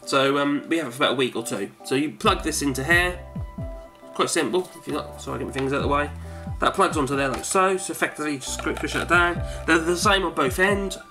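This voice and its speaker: Speaking at a quick clip over music, this home video maker has a slightly high voice. He's a wheezy fortysomething giving a loose how-to demonstration indoors in a messy study, chatting, wandering off topic and correcting himself.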